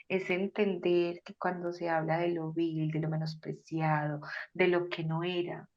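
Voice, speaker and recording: A woman, a guest on a faith podcast, talking animatedly and acting out quoted voices with sudden loud exclamations. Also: fairly low pitch, vocal fry, highs cut off. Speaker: guest speaker. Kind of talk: faith-based podcast conversation.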